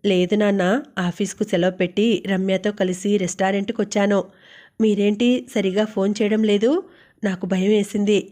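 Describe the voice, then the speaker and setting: A woman voicing a gentle, wistful young working woman talking with her roommate and father. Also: medium pitch, flat delivery, normal speed, natural voice.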